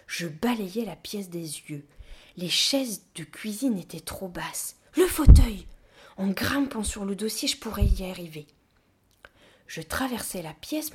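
A woman narrates a children's story in a breathy, hushed voice. Her delivery is tense and close, often slipping toward a whisper. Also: medium pitch. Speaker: audiobook narrator. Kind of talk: scripted first-person narration.

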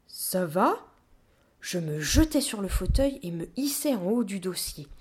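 Breathy woman narrating a story. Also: mid-range voice, very animated, moderate pace. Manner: hushed, tense storytelling, often near a whisper. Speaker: audiobook narrator. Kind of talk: scripted first-person narration.

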